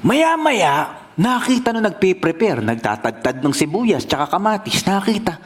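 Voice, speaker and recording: A man from the Philippines, a pastor telling a story in a sermon in a playful, animated way. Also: high-pitched, moderate pace.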